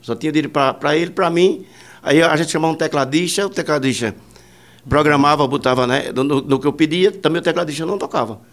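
A man's voice: a little high, fast talker, fairly bright tone. A man, a musician and producer, telling rambling anecdotes in a casual interview, full of fillers and quoted dialogue.

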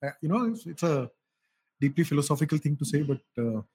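A man's voice: a little high, sing-song, fast talker, mellow, slight background noise. A man with an Indian accent chatting casually as a cricket show panelist, mixing Hindi and English and repeating words. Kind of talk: casual chat switching between Hindi and English.

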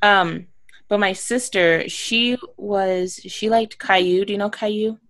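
A young woman co-hosting a podcast in casual chat, animated and quick to mimic voices. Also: no room sound. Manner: animated, mimics voices with big pitch jumps. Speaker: podcast co-host.

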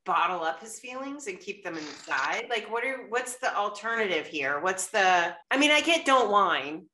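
Woman co-host, bright and animated, asks probing questions, roomy echo. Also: medium pitch, normal speed. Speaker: podcast co-host. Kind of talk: casual chat. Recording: echoey room.

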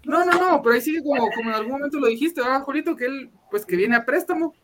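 A man's voice: very high-pitched, animated, fast, a bit bright, slight background noise. A young Guatemalan man with a Guatemalan Spanish accent, co-hosting a casual sports chat, laughing often and restarting his sentences. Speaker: podcast co-host.

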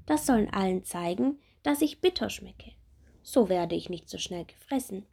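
A woman voicing a brisk, busy ladybug in a children's story. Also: medium pitch, expressive, vocal fry, mellow, slightly rough.

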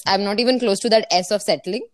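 A woman's voice: medium pitch, fast talker. A woman with a North Indian accent, chatting casually as a guest on a podcast. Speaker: podcast guest, cafe co-founder. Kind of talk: casual chat.

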